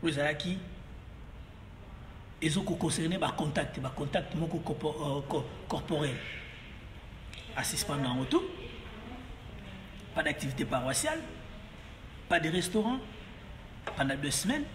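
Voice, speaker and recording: A man's voice: a little high, expressive, unhurried, long pauses. Congolese guy rambling on, lots of fillers and repeats, roomy echo, faint background hum. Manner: rambling, mixing French and Lingala, many fillers and repeats. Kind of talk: casual monologue to camera. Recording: roomy echo, long reverb, faint ambience.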